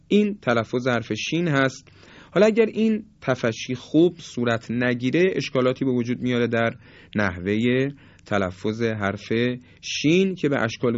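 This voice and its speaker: A man teaching Quran recitation rules, explaining calmly and slowly stretching out example words to show each sound. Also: medium pitch, no room sound. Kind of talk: tajweed lesson. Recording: dull, dry recording.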